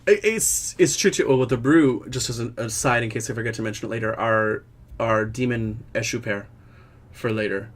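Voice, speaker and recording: A man's voice: mid-range voice, moderate pace. A man co-hosting a casual chat, playful and teasing, dropping quips between his musings. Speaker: podcast co-host.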